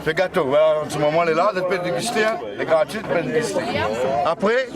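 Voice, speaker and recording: A man's voice: a little high, racing. A man at an outdoor market explaining corn products to visitors, quizzing them as he goes. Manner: lively, quizzing the listener. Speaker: corn mill vendor. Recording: loud crowd behind.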